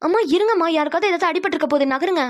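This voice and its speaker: A woman's voice: very high voice, rapid-fire, no room sound, studio quality. A woman voicing a curious young woman in a cartoon who keeps questioning her mother. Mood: puzzled. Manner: persistent questioning. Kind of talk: cartoon voice acting.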